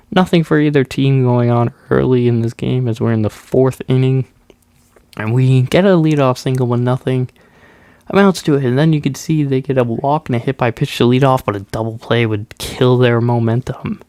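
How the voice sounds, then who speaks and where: A man's voice: medium pitch, darkish tone, clean tone, dry recording. A young man with a stuffed-up nose casually recapping his baseball video game, with plenty of ums and restarts. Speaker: gaming YouTuber. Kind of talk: casual gameplay commentary.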